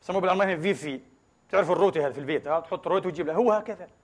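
Animated, fast-talking preacher. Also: male voice, high voice. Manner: animated, many rhetorical questions to the congregation; mixes formal Arabic with colloquial dialect and foreign words. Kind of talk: Friday sermon.

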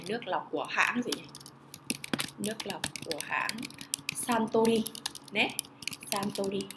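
A woman teaching a Japanese lesson online, talking in an animated way and asking rhetorical questions that she answers herself. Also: mid-range voice, roomy sound, background noise. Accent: Vietnamese.

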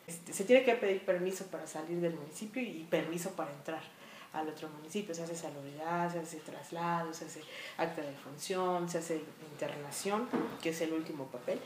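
A woman with a Mexico City accent talks through her work in a relaxed interview, lively and quick to fall back on fillers. Her voice sits a little low for a woman. The small room rings with a roomy echo. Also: background noise. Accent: Mexico City Spanish. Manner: lively storytelling with frequent fillers. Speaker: funeral director and embalmer. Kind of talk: casual interview.

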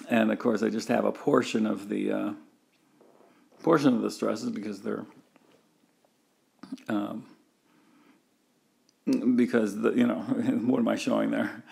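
A man's voice: mid-range voice, creaky, a little mellow, husky. A man giving a recorded engineering lecture, walking through a diagram step by step with frequent fillers and restarts.

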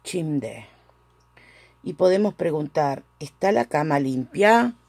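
Slow, careful woman teaching vocabulary. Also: sits low, animated, darkish tone, husky, no echo. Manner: repeats words slowly, corrects her own pronunciation. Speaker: Korean language teacher. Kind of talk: slow, careful language lesson. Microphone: phone camera.

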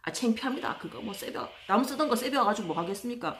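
A woman telling stories in a casual monologue, chatty and exasperated, acting out other people in loud voices. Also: on the high side, lively intonation, fast talker, slight background noise. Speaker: vlogger.

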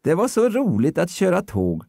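A man narrating a children's story, expressive and storytelling. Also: high-pitched, creaky, no echo, studio quality.

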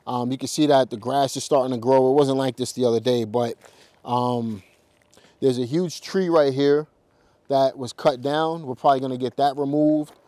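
A man's voice: medium pitch, steady tone, moderate pace, mellow, no echo. A man, a real estate investor, chatting casually to viewers in a walk-through vlog, talking straight to the camera with lots of fillers and restarts. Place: outdoors at a house, then in a car.

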